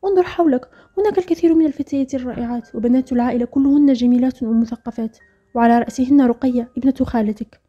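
A woman's voice: high voice, lively intonation, rapid-fire, dark tone. A woman voicing a frank, reproachful sister. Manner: reproachful, sarcastic, insistent. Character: frank young woman scolding her brother. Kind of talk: storybook narration. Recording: dull lo-fi audio with faint music.

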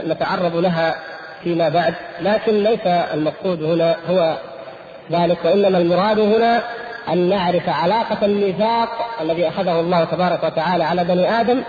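A man with a high voice teaches a religious lesson, explaining in a measured way and repeating key phrases for stress. The recording is tinny and lo-fi, with a long echo from a hall and faint noise behind him. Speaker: Islamic scholar teaching. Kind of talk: religious lesson on Quran recitation.

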